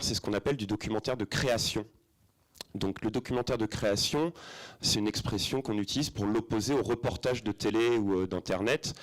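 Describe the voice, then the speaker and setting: Chatty middle-aged man in a cinema. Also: fairly low pitch. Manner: chatty, hesitant with many fillers, asks the audience questions. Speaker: film educator presenting to students. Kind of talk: informal presentation to a school audience. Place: cinema auditorium.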